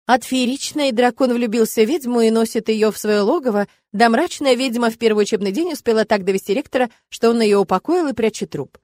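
A woman narrating a first-person audiobook in a wry, lively storytelling manner. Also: fairly high pitch, a little fast, hardly any pauses, no room sound.

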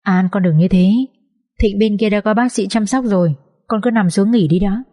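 A woman voicing a calm, concerned mother who gently soothes her grown daughter. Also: medium pitch, moderate pace, close to an everyday voice. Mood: gentle.

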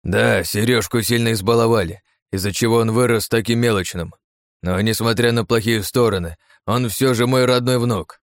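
A man's voice: mid-range voice, moderate pace, no room sound, studio quality, lightly acted. A man voicing a stubborn, loyal old grandfather in an audiobook, speaking urgently in a raised voice. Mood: earnest.

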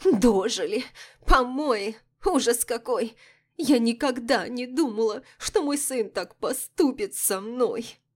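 A woman voicing a haughty, capricious, sickly old empress who bursts out loudly and scornfully. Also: lowish voice, lively intonation, moderate pace. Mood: wailing. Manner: loud, scornful outbursts.

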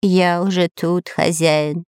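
A woman voicing an anxious, excitable male parrot servant in a storybook reading, making excuses. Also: on the low side, takes it slowly, clear, resonant tone, no echo, studio quality. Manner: fussy, justifying himself.

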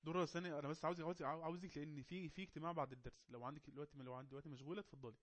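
Egyptian man teacher, fast, slightly high voice, teasing and coaxing on an online class call. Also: steady tone. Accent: Egyptian Arabic. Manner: coaxing, teasing students to speak up. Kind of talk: casual online class moderation.

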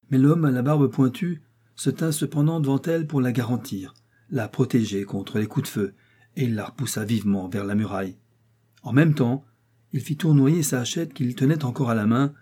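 Husky-voiced man narrating a novel. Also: mid-range voice, dark tone. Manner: measured, theatrical storytelling. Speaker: audiobook narrator. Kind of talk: dramatic audiobook reading.

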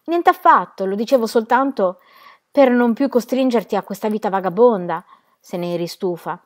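A woman's voice: medium pitch, normal speed, pitched above the performer's own voice, lightly acted. A restless young laborer and devoted husband, read aloud by a woman in an urgent, pleading tone. The voice is raised a little above a plain reading voice and pushes each line with feeling. It sounds like a storybook reading.

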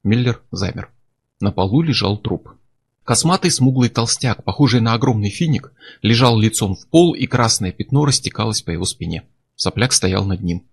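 A man reading a thriller audiobook in a measured, dramatic way. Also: on the low side, lively intonation, creaky, breathy edge. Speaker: audiobook narrator. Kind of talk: audiobook narration.

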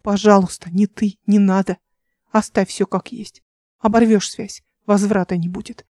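A passionate young man in a spoken audiobook, heated and pleading with a friend, as a woman reader voices him. Mellow, darkish tone with a dry, close sound. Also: medium pitch, steady tone, a little slow, no echo, close to an everyday voice. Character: passionate young male crewman, loyal friend.

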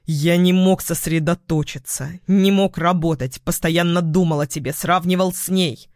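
Figure: a man voicing a bitter, shouting young man. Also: on the high side, fairly even intonation, moderate pace, dry recording, studio quality, close to an everyday voice. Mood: accusing. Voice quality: hoarse. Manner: shouting, accusing. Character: bitter cornered young man, cynical, emotionally cracked.

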